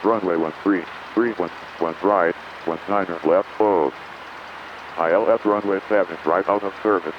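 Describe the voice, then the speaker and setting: Man, airport weather broadcast, low voice, flat recited report, muffled aircraft radio, engine noise behind. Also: normal speed. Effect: airport weather broadcast heard over aircraft radio. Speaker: automated airport information broadcast.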